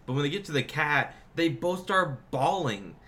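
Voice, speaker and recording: A man's voice: a little high, lively intonation, normal speed, fairly bright tone. A man co-hosting a podcast, giving blunt, opinionated takes in casual chat. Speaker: podcast co-host.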